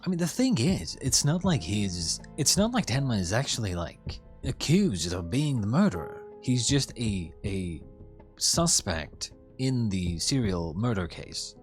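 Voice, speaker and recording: A man with a lowish voice streams his casual reaction to an anime. He works through his thoughts out loud, halting and circling back over phrases, with some offhand swearing. Soft music plays behind him. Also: sing-song. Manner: hesitant, thinks aloud, repeats phrases.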